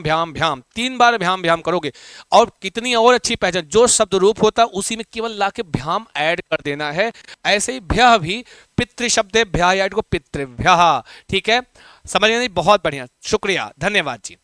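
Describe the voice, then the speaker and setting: A male teacher runs a live online class, his voice high and bright. He talks chattily, repeating key points and quizzing his students. The sound is clean and dry, with no room echo. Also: smooth.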